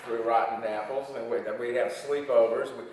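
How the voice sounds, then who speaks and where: A man's voice: medium pitch, fairly even intonation, normal speed, darkish tone. An older man with an American accent, an old man casually telling childhood stories and explaining things simply in an interview. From Michigan, United States. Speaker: grandfather being interviewed. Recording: echoey room, distant mic, faint noise.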